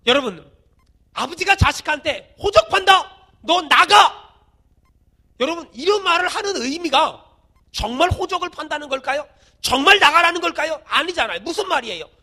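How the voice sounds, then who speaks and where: A middle-aged man preaching a sermon as senior pastor, with a folksy, colloquial way of telling stories. He leads the congregation in call-and-response and swings from shouted emphasis to quiet, low asides. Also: expressive, fairly quick.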